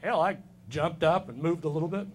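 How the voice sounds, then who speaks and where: A man's voice: a little high, a little fast. A man in his fifties performing a stand-up set, delivering dry, self-deprecating one-liners on a comedy club stage. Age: 50s.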